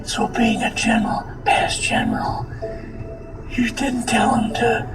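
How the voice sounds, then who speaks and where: An elderly man with a weak, whispery voice, recounting his experiences haltingly in an interview. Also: extremely high pitch, little pitch movement. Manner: halting, with long pauses. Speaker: interviewee recounting past government service. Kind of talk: slow personal recollection in an interview. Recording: roomy, distant mic under loud music.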